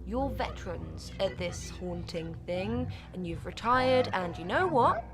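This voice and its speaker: A woman's voice: fairly low pitch, animated, unhurried, over music. A woman playing Death, a weary, irritable underworld boss with an informal, exasperated manner in an audio drama. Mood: stern boss. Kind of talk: scripted audio drama acting.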